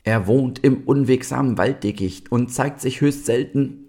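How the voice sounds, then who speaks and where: A man reading a storybook aloud and voicing a wise old owl with a croaking voice. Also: mid-range voice, unhurried, warm tone, voice pushed up, natural voice. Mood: solemn.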